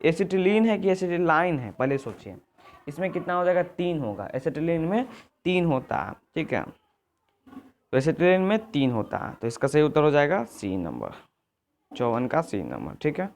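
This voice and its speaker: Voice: medium pitch, sing-song, normal speed, a little mellow, a little hiss or hum. Teacher walking through answers. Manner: repetitive, often self-correcting with "sorry"; checks in with "ठीक है" and "आगे देखिए". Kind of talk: exam answer walkthrough lesson.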